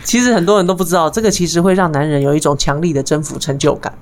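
A woman's voice: sits low, fairly even intonation, rapid-fire, a little mellow. A woman, co-hosting a casual radio chat and giggling as she explains tips. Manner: giggly, demonstrates sounds playfully. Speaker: co-host teaching intimacy tips.

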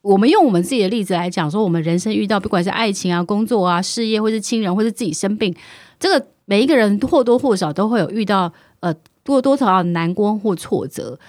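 A woman, co-hosting a podcast and sharing thoughtful reflections, often pausing on fillers. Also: medium pitch, no echo, clean studio sound. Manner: reflective, listens with steady murmurs, halting with fillers. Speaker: podcast co-host. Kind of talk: casual chat.

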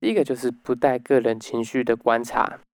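A man hosting a book summary talk, explaining step by step and dropping in soft "oh" particles. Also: mid-range voice, flat delivery, brisk, dry recording, studio quality. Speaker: podcast host.

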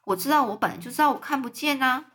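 A woman's voice: sits high, quick pace, a bit bright. A woman reading a children's novel aloud as a storyteller, stopping to explain words for young listeners.

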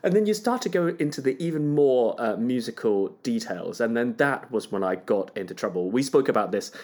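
A Cantonese-speaking man from Hong Kong, a conductor, tells stories as a guest in a casual podcast interview. His mid-range voice is expressive, a little fast and a little mellow. He's modest and chatty, laughing often and poking fun at himself.

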